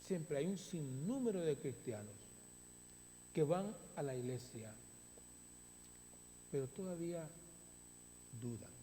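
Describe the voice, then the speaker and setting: Pastor guy preaching slow and emphatic, drags words out, church reverb and faint hum. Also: a little high, very animated, mellow. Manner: emphatic, drawn-out words with dramatic pauses. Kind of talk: sermon. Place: church sanctuary.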